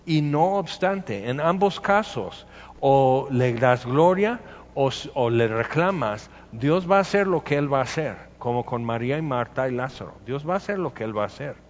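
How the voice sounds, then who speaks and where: A man's voice: mid-range voice, lively intonation, normal speed. Man preaching in a dull echoey hall. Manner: conversational, acts out quoted voices, many restarts. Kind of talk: sermon.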